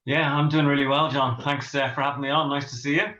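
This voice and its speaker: A man's voice: mid-range voice, little pitch movement, fast, bright, forceful tone. A middle-aged Irish man from Dublin, a pastor and author, answering interview questions with many ums and restarts. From Ireland. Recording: echoey, dull lo-fi sound.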